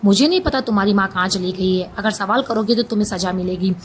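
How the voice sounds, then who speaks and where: A woman's voice: medium pitch, quick pace, slight background noise, lightly acted. A woman voicing a harsh scolding innkeeper. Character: cruel scolding female innkeeper, adult.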